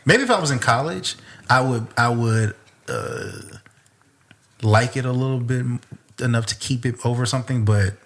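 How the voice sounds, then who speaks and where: A man co-hosting a podcast, chatting in an easygoing, relaxed way with slang. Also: mid-range voice, normal speed. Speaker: podcast co-host. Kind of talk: casual chat.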